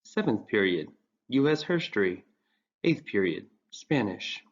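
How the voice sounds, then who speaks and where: A man's voice: lowish voice, very animated, a little slow. A man narrating a scripted story in a dry, wry manner. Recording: dull lo-fi recording.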